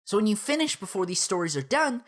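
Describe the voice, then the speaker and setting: A young woman in her twenties ranting a movie review straight to camera, exasperated, breaking into laughter and yelling between calmer stretches. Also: medium pitch, fast talker. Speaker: YouTube reviewer. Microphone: camera mic, facing the camera.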